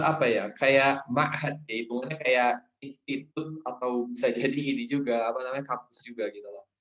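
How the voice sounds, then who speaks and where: A man's voice: medium pitch, fairly bright tone, rough recording. A man teaching an Arabic lesson to a group online, explaining casually and thinking aloud with fillers.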